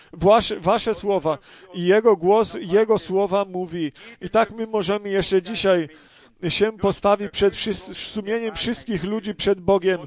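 Male preacher, high-pitched, hesitant sermon delivery with many fillers. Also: darkish tone. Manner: halting, many fillers and restarts; asks the congregation questions. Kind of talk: sermon with scripture reading.

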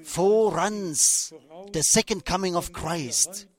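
Older man, preacher, high voice, slow delivery, emphatic, repeats himself, sermon.

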